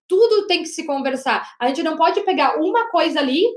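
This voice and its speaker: A woman teaching an online lesson on body language as a communication coach, talking loudly and emphatically and often checking in with the audience. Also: very high-pitched, expressive, brisk. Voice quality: loud, projecting voice. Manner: emphatic, with frequent "né?" and "gente". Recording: roomy echo.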